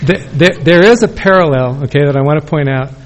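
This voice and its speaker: Speaking fairly quickly in a voice on the high side, a man delivers a meandering, self-correcting reply at an academic conference. He uses a podium microphone in a conference room with an audience, and the recording is low quality.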